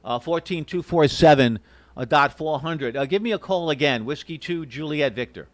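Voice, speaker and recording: A man's voice: a little high, normal speed, slight background noise. A courteous, hesitant man operating an amateur radio station, spelling out call signs in phonetics.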